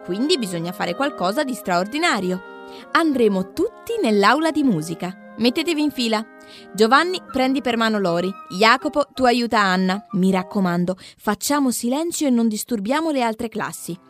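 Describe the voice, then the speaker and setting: A woman voicing a patient female schoolteacher who speaks in a gentle, coaxing way. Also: a little high, lively intonation, normal speed, soft background music, natural voice.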